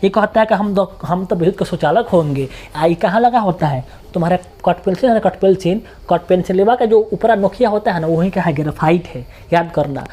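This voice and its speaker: A man with a Bihari accent tutoring students for an exam. He talks quickly and colloquially, drilling points by repeating them. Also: high-pitched, a little mellow. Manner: rapid, repetitive drilling, colloquial. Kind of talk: exam-prep lesson.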